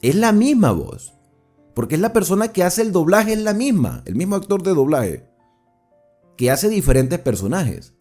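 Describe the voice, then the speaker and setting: A man leads a Bible study in a lively, rising and falling voice, explaining each verse and turning to ask his listeners questions. His tone is warm and mellow, with soft music playing faintly underneath. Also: sits high, normal speed. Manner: conversational, explains verse by verse and asks the audience questions. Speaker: Bible teacher.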